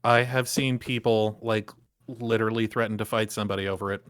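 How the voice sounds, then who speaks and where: A man's voice: lowish voice, fairly even intonation, brisk, a bit bright, dry recording, studio quality. A man, a player, talking casually and emphatically with friends at a tabletop game. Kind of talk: casual chat among players.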